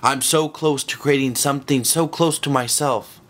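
A man's voice: mid-range voice, fairly even intonation, moderate pace, fairly bright tone, pitched above the performer's own voice, natural voice. A man voicing the Lord as a proud, patient male creator, speaking earnestly. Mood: eager.

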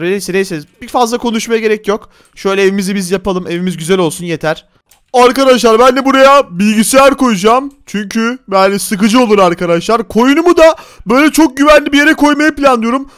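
A man's voice: high-pitched, fast talker, fairly bright tone, clean tone. A man hosting a gaming channel, giving chatty, teasing Minecraft gameplay commentary to his viewers.

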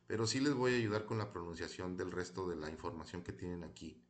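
A man's voice: low-pitched, quick pace. A man teaching English to children, explaining patiently in Spanish and reading model dialogues aloud twice for the class to repeat. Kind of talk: recorded classroom lesson.

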